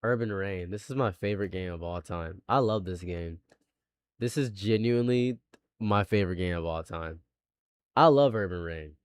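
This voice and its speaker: A man's voice: low-pitched, moderate pace, smooth, dry recording. A man in his late twenties, a live streamer chatting casually, rambling and repeating himself, laughing often. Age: late 20s.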